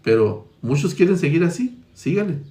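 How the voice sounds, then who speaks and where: A man's voice: fairly high pitch, big pitch swings, moderate pace. Emphatic male preacher in an echoey room. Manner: emphatic, shifts between loud and quiet, reads Scripture aloud. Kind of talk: sermon.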